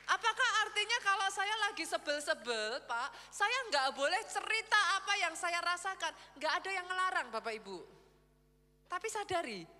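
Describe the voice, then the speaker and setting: A woman pastor preaching a lively sermon in a church, acting out quoted voices as she goes. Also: very high-pitched, long reverb tail. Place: church hall.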